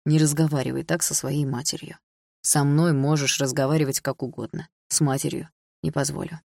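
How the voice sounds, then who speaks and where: A smug, cold stepfather, as a woman narrator puts him on, speaking low and quietly menacing. The delivery is husky and dry, without room sound. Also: little pitch movement, a little fast, no echo.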